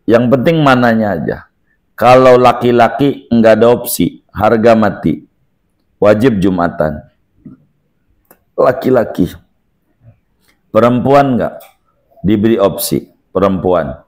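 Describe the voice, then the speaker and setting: Male preacher, low voice, joking slangy religious lecture, repeats points. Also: a little mellow. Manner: jokey, uses Betawi slang and repeats phrases.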